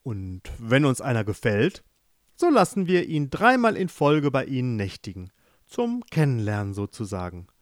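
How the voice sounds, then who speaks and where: A man's voice: medium pitch, very animated, moderate pace, dry recording, studio quality, lightly acted. A man playing a blustering, exasperated king. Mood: scheming. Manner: shouting, exasperated. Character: irritable blustering middle-aged king.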